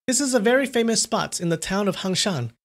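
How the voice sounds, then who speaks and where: Man doing a teasing young swordswoman, high-pitched, mischievous, goading. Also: lively intonation, fairly quick.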